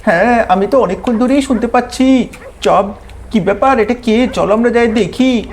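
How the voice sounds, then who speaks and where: A man puts on a mischievous little cartoon boy with a fairly high, childish voice, excitable and full of cheek. He keeps calling out to friends and pets in playful game commentary, over a faint hiss of background noise. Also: moderate pace. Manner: childish, excitable, calls out repeatedly. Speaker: gameplay creator.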